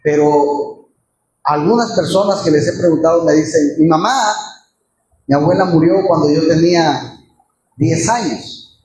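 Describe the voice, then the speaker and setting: A man's voice: a little high, measured pace, pauses often, a little mellow. A man preaching a sermon, telling a story with feeling and asking the congregation rhetorical questions. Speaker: pastor. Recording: very echoey church with faint room noise.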